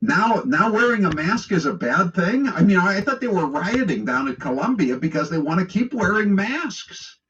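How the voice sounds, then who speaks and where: High and sing-song, slightly bright, this man's voice moves at a moderate pace with few pauses, heard from a distance through a dull lo-fi radio relay. He's an American talk radio host giving a sarcastic, opinionated political monologue, mocking and conversational.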